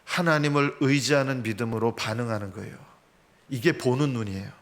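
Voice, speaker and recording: A man's voice: medium pitch, a little fast. A man preaching a sermon as pastor. He asks rhetorical questions and acts out quotes. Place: church sanctuary.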